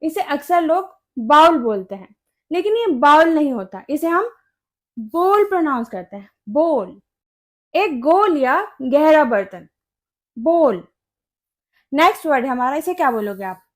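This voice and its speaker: A woman from India teaching English pronunciation, repeating each word slowly and carefully for learners. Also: sits high, sing-song. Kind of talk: pronunciation lesson.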